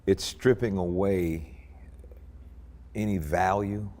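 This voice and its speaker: A male pastor hosts a talk show and interviews a guest with slow, earnest phrasing. His voice sits low. A long reverb trails behind it. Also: steady tone, a little mellow.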